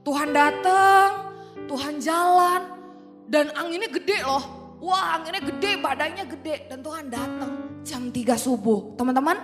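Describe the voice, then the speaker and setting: A woman preaching an animated, playful online youth sermon. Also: high-pitched, unhurried. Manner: animated, playful, mixes in English phrases. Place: online church service in a large hall. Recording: reverberant hall with faint music.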